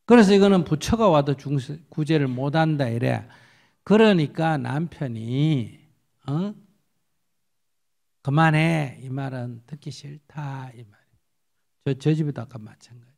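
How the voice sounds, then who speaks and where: A man, a Buddhist monk answering questions in an animated, storytelling way. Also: mid-range voice, moderate pace, creaky. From South Korean countryside. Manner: animated storytelling, acts out quotes, rhetorical questions. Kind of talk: lively spoken dharma Q&A.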